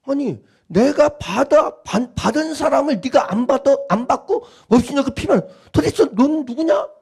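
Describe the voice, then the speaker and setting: A male pastor in middle age preaches a Sunday sermon, his voice unusually high and gravelly. He swings his pitch widely as he drives each point home. He keeps asking the congregation whether they understand. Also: animated, normal speed, darkish tone. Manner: emphatic, repetitive, questioning the congregation.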